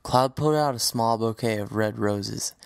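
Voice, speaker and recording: A man narrating a fan audio drama as a storybook reading in a steady, even manner. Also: lowish voice, normal speed, creaky, clear, resonant tone, dry recording. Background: faint music.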